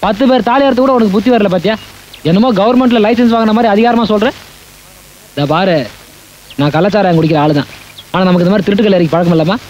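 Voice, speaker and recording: A man plays a brash village coconut climber and drinker with a high, cocky voice. He teases and blusters over a soft hiss from an old film soundtrack. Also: fast, pauses often, close to an everyday voice, rough recording. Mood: defiant. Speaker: film actor.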